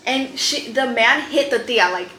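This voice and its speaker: A woman's voice: on the high side, lively intonation, measured pace, noisy background. A woman vlogger chatting casually to a friend in a bedroom, telling a long story in a rambling way full of fillers. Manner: rambling, filler-heavy, lots of "like". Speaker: vlogger explaining internet drama to a friend. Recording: roomy echo.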